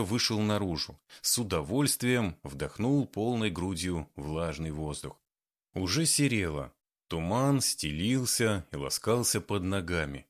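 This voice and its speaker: Audiobook narrator, low male voice with lively intonation. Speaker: audiobook reader. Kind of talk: scripted narration.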